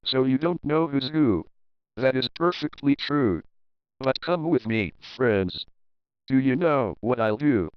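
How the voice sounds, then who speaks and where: Guy doing slick storybook huckster, salesy patter, smooth voice, dry close sound. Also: mid-range voice, animated, slow pace, no room sound, lo-fi sound. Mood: sly. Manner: persuasive sales patter, announcing clearly. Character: slick, fast-talking male travelling salesman and swindler.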